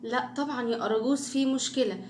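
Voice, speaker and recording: A woman with an Egyptian accent hosting a children's show, coaxing and lively as she talks to young viewers. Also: on the high side, fast, a little hiss or hum. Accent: Egyptian Arabic. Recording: echoey room.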